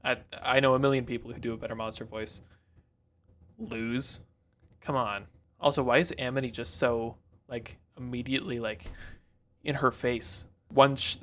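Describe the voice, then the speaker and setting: A man's voice: mid-range voice, a bit bright. A man hosting a reaction video, chatting casually, rambling, cutting himself off and cracking jokes. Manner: rambling, self-interrupting, jokey.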